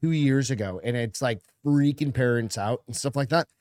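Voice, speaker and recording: A man's voice: medium pitch, moderate pace, a little mellow, no echo, studio quality. Blunt, profane man in his forties. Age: older than his co-host, around 40s. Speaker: podcast co-host. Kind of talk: casual chat.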